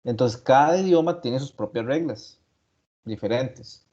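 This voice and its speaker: A man's voice: medium pitch, measured pace, mellow. Man lecturing with a dull lo-fi sound. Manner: explains step by step, repeats key words, asks rhetorical questions. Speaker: teacher. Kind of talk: online class lecture. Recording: dull lo-fi audio.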